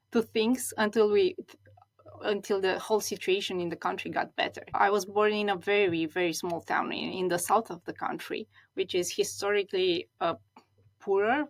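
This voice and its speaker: A Romanian stylist in her thirties, whose first language is Romanian, speaks reflectively as an interview guest. Her mid-range voice comes with frequent restarts and repeated words.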